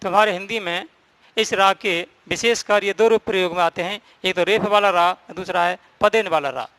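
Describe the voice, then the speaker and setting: A man's voice: high-pitched, normal speed, fairly bright tone, no room sound. A man teaching a Hindi grammar lesson, explaining rules step by step and repeating the key points.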